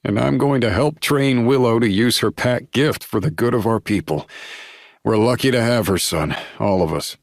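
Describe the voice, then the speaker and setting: A man's voice: medium pitch, moderate pace, no room sound, studio quality, pitched above the performer's own voice, lightly acted. A man voicing a jovial, doting older werewolf pack leader in an audiobook, effusive and fond. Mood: delighted. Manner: warm, delighted, effusive. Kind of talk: audiobook character voice.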